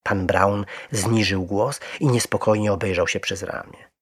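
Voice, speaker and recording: A man narrating a children's storybook in an expressive, lively way. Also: lowish voice, a little slow, slightly rough.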